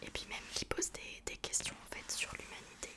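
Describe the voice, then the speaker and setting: A woman whispering softly as an ASMR host, presenting and reading from a book in an informal way. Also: fairly quick.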